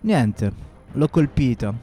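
A man's voice: medium pitch, big pitch swings, slow, warm tone. An actor playing a defiant young male anarchist giving curt, terse answers in a historical radio drama.

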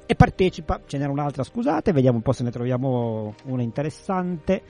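A man's voice: mid-range voice, very animated, brisk, dark tone, soft background music. A man hosting a radio talk, explaining in a casual way and often correcting himself mid-sentence. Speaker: radio host.

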